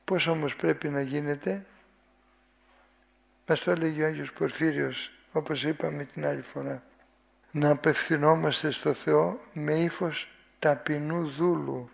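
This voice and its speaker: A man's voice: a little high, fairly even intonation, vocal fry. A man preaching a sermon, reading from a spiritual text, commenting on it unhurriedly and asking his listeners rhetorical questions.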